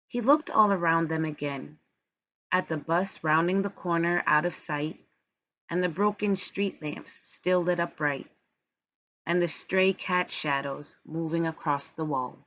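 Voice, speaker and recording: A woman narrates a children's storybook in a fairly low voice. She takes it very slowly, with deliberate phrasing. The recording is a little dull and lo-fi. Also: a bit bright. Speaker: storybook reader. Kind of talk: scripted children's read-aloud narration.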